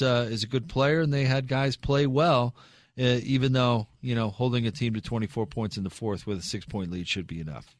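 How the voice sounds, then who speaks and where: A man's voice: medium pitch, dry recording. A man hosts a postgame sports talk show in a laid-back, late-night manner, with plenty of fillers as he works through the game. His voice sits in the middle range. The sound is close and dry, with no room around it. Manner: relaxed, tired late-night delivery with fillers.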